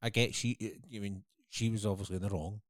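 Dude w a really deep voice, laid back and wry, dry close sound. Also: male voice, fairly even intonation, fairly quick, no room sound. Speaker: co-host. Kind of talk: casual chat.

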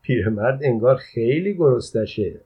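A man's voice: medium pitch, lively intonation, breathy edge. A man reading an audiobook, voicing a teasing, coaxing woman in his own plain voice, on a dull lo-fi recording. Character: teasing, flirtatious woman at a fence.

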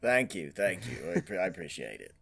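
A man's voice: deep voice, very animated, fairly quick, creaky, fairly bright tone, breathy edge, full character voice. A man playing a wounded, sarcastic, long-suffering young adventurer in a tabletop game, complaining as he goes. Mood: grateful. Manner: sardonic, complaining. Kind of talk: tabletop role-play.

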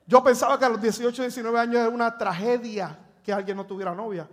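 A Puerto Rican pastor with a Puerto Rican Spanish accent preaches quickly in a very high voice with a steady tone. In the church sanctuary he tells the story dramatically, acts out scripture, and jokes with his congregation.

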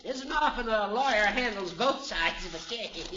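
An actor playing a wily, teasing old judge in 1950s radio comedy, smooth-talking and mock-solemn. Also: male voice, high-pitched, animated, moderate pace, bright, forceful tone. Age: older. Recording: dull, noisy 1950s radio recording.

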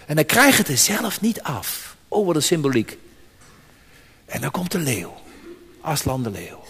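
A man's voice: fairly high pitch, big pitch swings, unhurried, a bit bright, slightly rough, big-room sound. A man preaching a sermon as pastor, emphatic and repeating key words for weight.

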